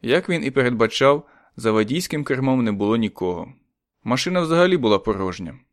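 Calm male audiobook narrator, dry sound. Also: medium pitch, no echo. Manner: calm, measured storytelling.

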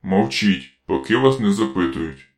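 A cold, mechanical police-car voice, as a male narrator puts it on, metallic and lowish in pitch. It barks short, curt commands and questions like an interrogation machine in an audiobook tale. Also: very animated, unhurried. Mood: cold commanding. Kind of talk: audiobook reading.

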